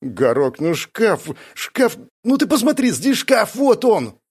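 A man voicing an eager, dim-witted young lackey in an audiobook, talking excitedly. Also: high voice, takes it slowly, slightly rough, voice pushed up, exaggerated voice. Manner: excited, boastful. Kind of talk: audiobook character voice.

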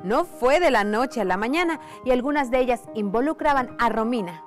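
A woman giving scripted documentary narration in a measured tone. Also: fairly high pitch, lively intonation. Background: background music.

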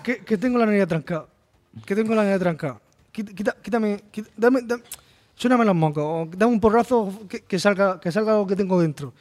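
A whiny little cannon character with a blocked nose, put on by a man. The voice sits high, stuffy and stammering. It whimpers and begs over and over, like a cartoon game side character. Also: brisk, a little mellow, long reverb tail, close to an everyday voice. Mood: whiny pleading.

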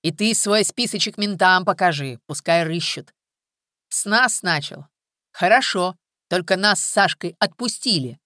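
A bitter, vengeful young village man in a storybook, snarling and shouting abuse, as a woman reader puts him on. The voice sits low for a woman and is recorded dry and close. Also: expressive, unhurried, no echo. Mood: mocking. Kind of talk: audiobook character voice.

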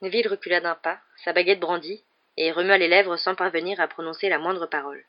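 Woman reading a book out loud, lowish voice, steady, kinda muffled lo-fi. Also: brisk. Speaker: audiobook reader. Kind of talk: reading a novel aloud. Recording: muffled lo-fi recording.

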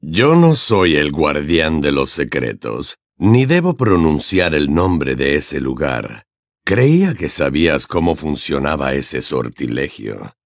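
A cold, calculating man who answers with calm sarcasm, as a man reads him. His voice is very deep and unhurried, with wide swings in pitch. An audiobook character voice with a dry, close sound. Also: dry recording, exaggerated voice. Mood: sardonic. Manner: slow, low and measured.

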